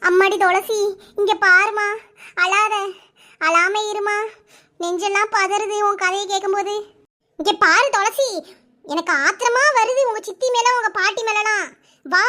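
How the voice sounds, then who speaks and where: A woman voicing a caring, motherly village woman in a cartoon, sympathetic and quick to anger on another's behalf. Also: very high-pitched, sharp tone. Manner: sympathetic, indignant, fussing. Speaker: elder sister figure. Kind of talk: cartoon voice acting.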